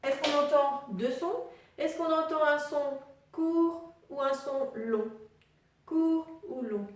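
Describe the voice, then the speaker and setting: A woman teaching English pronunciation online, spelling out letter sounds slowly and patiently and putting questions to the viewer. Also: high voice, far from the mic. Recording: very echoey room, voice set back from the mic.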